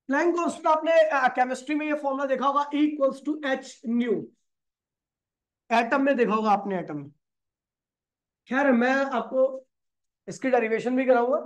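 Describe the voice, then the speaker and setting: A man with a very high voice teaches physics in a classroom lecture. He poses questions to the class and answers them himself, addressing students as brother and kid.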